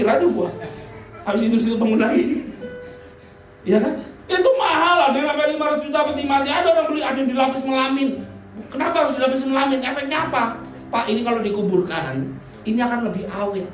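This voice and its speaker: A male pastor preaching a sermon, telling stories, mimicking voices and dropping blunt slang asides. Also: very high-pitched. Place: church service in a hotel hall. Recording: echoey hall, mic distant, music faint.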